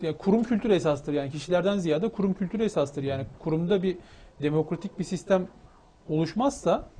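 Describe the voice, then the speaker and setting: A man with a notably high, mellow voice argues his case like a lawyer on a talk show, emphatic and pointed, acting out quoted exchanges as he goes. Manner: argumentative, emphatic.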